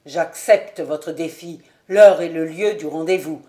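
A proud, despairing young nobleman, voiced by a woman, a little lower than her own voice. His speech is grave and somber, with a weary, earnest tone, as in a classic audiobook reading. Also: little pitch movement, unhurried, a little mellow.

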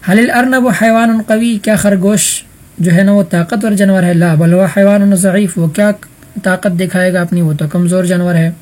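A man's voice: high-pitched, a little mellow. A man teaching an online Arabic vocabulary lesson, patiently calling on students by roll number and explaining answers.

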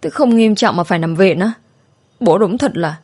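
A woman's voice: mid-range voice, animated, moderate pace, a little mellow, husky. A woman voicing an anxious young daughter who pleads in a choked-up voice in an audio story. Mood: reproachful.

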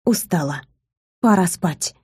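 A woman reading a first-person romance story aloud with measured, intimate storytelling. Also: on the low side, expressive, darkish tone, slightly rough. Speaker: narrator.

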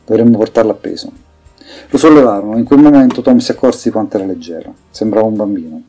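Man narrating a fantasy audiobook, dark husky voice, even measured read, faint music. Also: on the low side.

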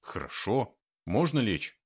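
A man voicing a patient older man who answers calmly and tries to placate. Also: fairly low pitch, slow pace, breathy edge, full character voice. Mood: sleepy. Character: patient older man, early riser, mild.

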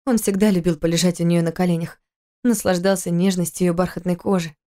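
A woman reading a novel aloud in steady scripted narration. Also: lowish voice, fairly quick. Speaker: audiobook narrator.

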